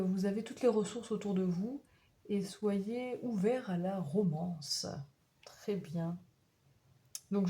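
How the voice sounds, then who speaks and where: A woman doing a spiritual oracle card reading for her viewers, talking gently and encouragingly, often pausing to search for words. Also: mid-range voice. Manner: halting, searching for words as she goes.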